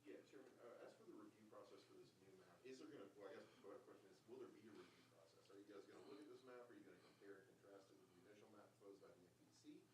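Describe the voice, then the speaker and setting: A male reporter asking questions at a press conference, halting and rephrasing as he goes. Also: lowish voice. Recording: roomy and distant with background noise.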